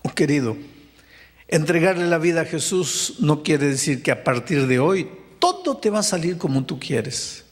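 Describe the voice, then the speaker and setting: A pastor telling a story in a sermon, rising to impassioned pleading. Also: male voice, on the high side, expressive, moderate pace. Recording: long hall reverb.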